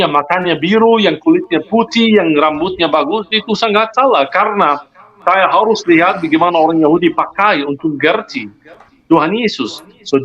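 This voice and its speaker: An earnest guest speaker, the man's voice sits on the high side and sounds a bit bright through muffled lo-fi recording. In this conversational religious discussion he explains, asks rhetorical questions and mixes in English words.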